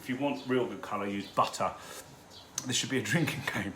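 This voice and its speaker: A man's voice: medium pitch, a little fast, bright, forceful tone. A man hosting a live cook-along from his home kitchen, chatting loosely with viewers and swearing freely. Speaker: home cooking host. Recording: roomy kitchen with background noise.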